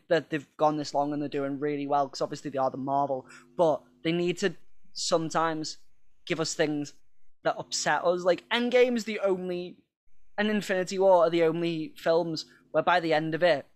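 A man with a voice pitched a little high for a man talks casually on a podcast. He rambles from point to point, laughs easily and swears in passing. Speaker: podcast co-host. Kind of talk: casual chat.

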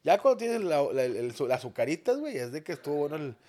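A man, a podcast guest joking in loud, slangy banter. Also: a little high, sing-song, fast talker. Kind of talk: casual chat.

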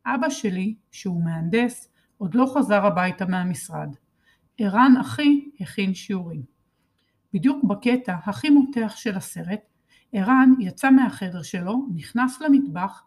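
Expressive woman reading a children's book. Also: a little high. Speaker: storybook reader. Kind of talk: first-person children's book narration.

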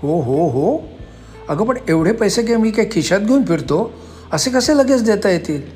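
A man's voice: sits high, expressive, normal speed, a little mellow, soft background music, voice pushed up. A man voicing a flustered middle-aged male manager who talks agitated and insistent.

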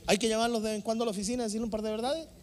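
High-voiced, fiery male preacher. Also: very fast, a little hiss or hum. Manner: animated, emphatic preaching with sudden loud outbursts. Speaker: pastor. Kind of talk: sermon preaching to a congregation. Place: church service before a congregation.

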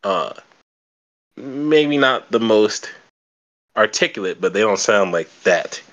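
Blunt young man, bright low voice. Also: lively intonation, takes it slowly, dull audio. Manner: blunt, swearing, repeats words while thinking. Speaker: podcast host. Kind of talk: casual chat.

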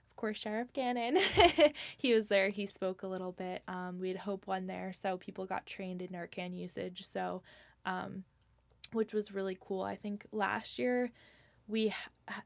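A woman's voice: mid-range voice, steady tone, normal speed, creaky, no room sound. A young woman, chatting casually as a guest about community events, full of fillers and "like". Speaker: guest, nonprofit organizer. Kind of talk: casual interview talk.

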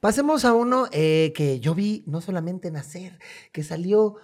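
A man's voice: sits high, unhurried. A man with a Mexican accent, co-hosting a casual comedy podcast, telling jokey stories. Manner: joking, animated storyteller. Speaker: podcast co-host.

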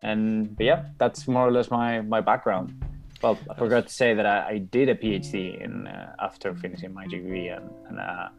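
A man in his thirties with a Spanish accent, talking as a podcast guest in a low, gravelly voice. He chats casually and restarts his sentences often, with music playing behind him. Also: flat delivery, moderate pace, highs cut off. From Spain. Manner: talkative, many restarts and fillers. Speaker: podcast guest, tech company co-founder. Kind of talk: casual interview talk.

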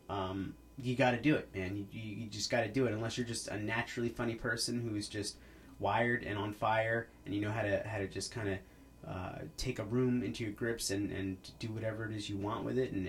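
A man's voice: medium pitch, a little hiss or hum. A man, hosting a podcast as a casual, rambling monologue full of restarts. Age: 30s. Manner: rambling, with many restarts and fillers. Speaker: podcast host.

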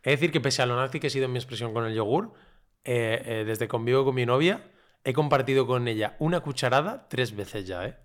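A man with a Spain Spanish accent, a podcast guest chatting casually, relaxed and swearing freely. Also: mid-range voice, brisk. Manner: relaxed and chatty, swears freely, quotes others in lively voices. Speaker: podcast guest, food creator. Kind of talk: casual chat.

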